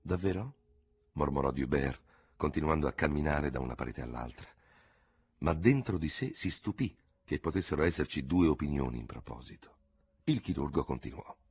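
A man reading a novel aloud as the narrator, with an expressive storytelling delivery. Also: rumbling low, normal speed, slightly rough. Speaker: audiobook narrator. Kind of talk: scripted literary narration.

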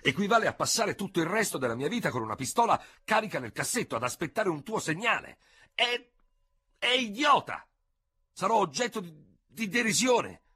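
A man's voice: high-pitched, big pitch swings, fairly quick, husky, voice pushed up, full character voice. A man voicing an outraged proud old general. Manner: indignant, shouting. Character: angry proud old male general, stubborn. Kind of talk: radio audiobook reading.

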